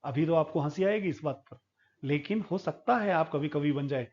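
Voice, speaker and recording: A man's voice: a little high, normal speed, a little mellow, dull audio. A middle-aged man teaching a poetry lesson, explaining patiently step by step and repeating the key points. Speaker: English teacher. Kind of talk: classroom lecture on poetry.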